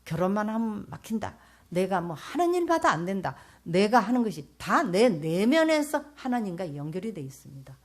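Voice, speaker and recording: An older woman from South Korea giving an earnest church testimony as a pastor's wife, speaking straight to the audience and swinging between loud and soft. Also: medium pitch, sing-song, moderate pace. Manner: earnest, addresses the audience directly.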